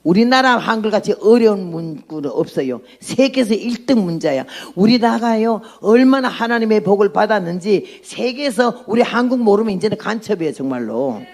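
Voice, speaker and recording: A woman's voice: medium pitch, lively intonation, normal speed, few pauses, darkish tone. An outspoken woman in her eighties preaching a testimony sermon as a missionary, blunt and emphatic. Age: 80s.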